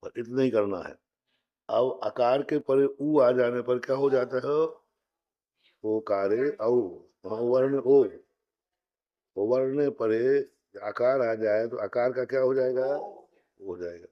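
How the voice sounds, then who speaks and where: A man teaching a Sanskrit grammar class, explaining step by step, slowly chanting rules and putting questions to his students. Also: medium pitch, highs cut off.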